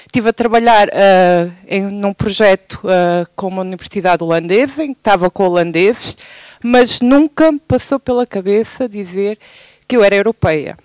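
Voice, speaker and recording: A woman's voice: mid-range voice, clear, resonant tone, dry recording. A Portuguese woman with an Algarve accent speaks up from the audience in a hesitant, spontaneous way, restarting her sentences often. Her voice sits mid-range, and the recording sounds dry and close. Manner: hesitant, many restarts and fillers. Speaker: audience member. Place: theatre hall.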